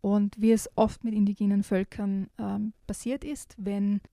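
On a radio show, a woman reviews youth novels in a thoughtful, conversational way, restarting herself now and then and reading an excerpt aloud. Her mid-range voice is warm, flat, and a little slow, recorded cleanly in a studio without echo.

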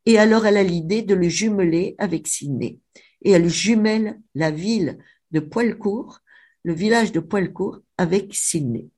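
A woman's voice: medium pitch, darkish tone, slightly rough. A woman from Avignon with a Provençal French accent, an author telling local history in a radio interview with passionate, emphatic storytelling. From Avignon, Provence, France. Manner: passionate storyteller, emphatic, slows down on key words.

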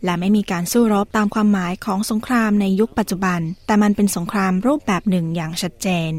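A woman's voice: medium pitch, quick pace, a little mellow, no echo. A woman narrating a scripted news feature as a radio presenter, formal and carefully enunciated.

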